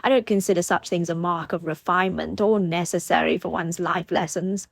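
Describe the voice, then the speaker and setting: A woman's voice: on the low side, steady tone, a little fast, gravelly, no echo. A woman voicing a frank, good-humored young lord, close to her own reading voice. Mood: jovial. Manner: frank, jovial.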